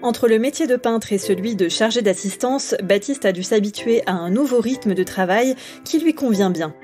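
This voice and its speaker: A woman giving the scripted narration of a podcast, in a smooth, even delivery. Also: a little high, normal speed, faint music behind.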